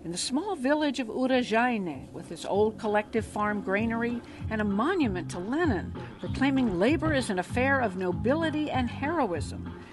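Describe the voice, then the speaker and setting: Measured woman news correspondent, higher voice. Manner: measured, even reporting. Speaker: foreign affairs correspondent. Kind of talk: scripted news narration.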